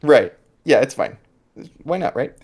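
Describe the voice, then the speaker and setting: A man's voice: medium pitch, sing-song, unhurried, a little mellow. Man, game master, tabletop game, rambling, many fillers, restarts. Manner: chatty, full of fillers and restarts. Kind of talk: running a tabletop game online.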